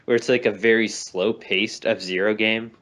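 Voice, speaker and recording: A man's voice: on the low side, fairly even intonation, normal speed, fairly bright tone. A man co-hosting a gaming podcast in casual chat, rambling and jokey, often correcting himself mid-sentence. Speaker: podcast co-host.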